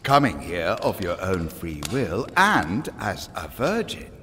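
An actor playing a smug old pagan island lord in an audio drama, pompous, taunting and silkily eloquent. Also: male voice, low voice, very animated, slow, pushed and bright, big-room sound, slight background noise, exaggerated voice. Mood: sly, urbane. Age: older.

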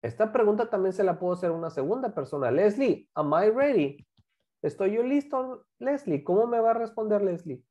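A woman, an English teacher giving a class to children, repeating example phrases slowly and quizzing her students. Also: medium pitch, lively intonation, dark tone. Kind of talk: online class teaching English grammar to kids.

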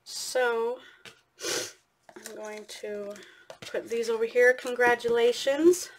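Slow-paced woman hosting a casual giveaway. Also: a little high, flat delivery, slight background noise. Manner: chatty, informal, addressing viewers directly as "you guys". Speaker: host of an art channel giveaway. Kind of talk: casual giveaway announcement to viewers. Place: indoors at a craft table, overhead camera.

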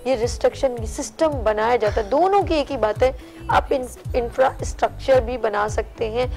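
A woman's voice: a little high, moderate pace, a little mellow, soft background music. A woman hosting a morning talk show, speaking earnestly and at length in a casual studio discussion. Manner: earnest, lecturing, talks at length.

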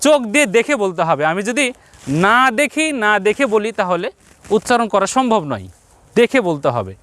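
High-voiced, lively man teaching reading. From Bangladesh. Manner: repeats points slowly, drawing out syllables for viewers; addresses viewers directly, encouraging. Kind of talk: televised Quran reading lesson.

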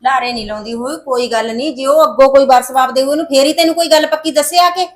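A woman plays a brisk middle-aged sister in a short film drama, waving away worries. Her voice is high and she rattles her lines off quickly, in a dismissive but reassuring tone. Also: natural voice.

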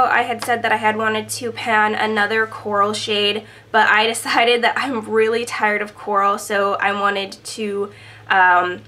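A young beauty vlogger talks to camera from a small room at home, giving a casual product update. She's chatty and upbeat with plenty of ums, and her medium-pitched voice sounds pushed, bright, and a bit congested from a cold.

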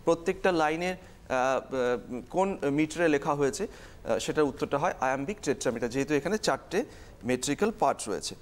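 A woman's voice: low-pitched, expressive, normal speed. Methodical female teacher on TV. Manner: explains step by step, repeats key terms, mixes in English. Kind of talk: televised exam-prep lesson.

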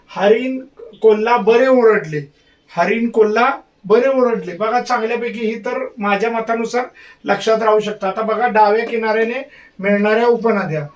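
A man's voice: very high-pitched, far from the mic. A man teaching an exam-prep lesson, repeating key points and drilling memory tricks.

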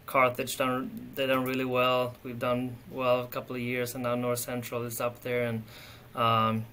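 A man in his thirties from Sweden, speaking English with a Swedish accent as a soccer coach, relaxed and often repeating words while he thinks, on a video call from an office. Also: medium pitch, moderate pace, slight background noise. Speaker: head soccer coach, guest. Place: office with window. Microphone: webcam on video call.

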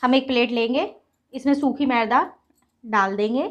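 On her cooking channel, a woman speaks at a normal speed in a voice on the high side. Standing in her home kitchen by the gas stove, she patiently explains every step of the recipe. She's instructive and treats her viewers as friends.

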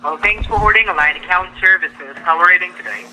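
A man working as a telemarketer, reciting a scripted sales pitch full of stock phrases. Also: brisk. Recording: noisy telephone line.

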